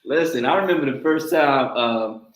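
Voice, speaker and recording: A man's voice: medium pitch, moderate pace. A middle-aged man, hosting a casual talk show and telling stories with acted-out quotes and frequent laughs. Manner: animated storyteller, acts out quotes, laughs often. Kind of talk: casual chat. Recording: roomy echo.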